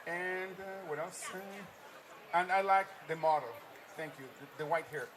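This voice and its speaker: A man's voice: a little high, moderate pace, crowd noise. A man hosting a live stream from a trade-show floor, reading viewer comments aloud and echoing his guests' answers in an upbeat way. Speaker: livestream host.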